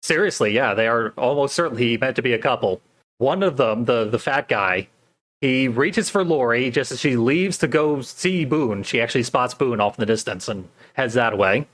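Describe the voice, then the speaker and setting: A man's voice: mid-range voice, animated, moderate pace, fairly bright tone. A man co-hosting a casual film podcast, recapping plot steadily and adding dry, wry remarks. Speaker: podcast co-host.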